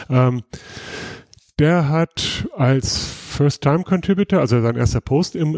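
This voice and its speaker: Mellow-voiced male podcast host. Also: mid-range voice, vocal fry, no room sound, clean studio sound. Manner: relaxed, explanatory, many filler sounds and restarts. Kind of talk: casual podcast chat.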